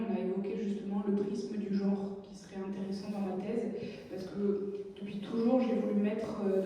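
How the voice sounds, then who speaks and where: A young French doctoral researcher gives an academic lecture from notes, reading her prepared text and then digressing with many fillers and self-corrections. Her voice is mid-range and warm, recorded from a distance in an echoey lecture hall.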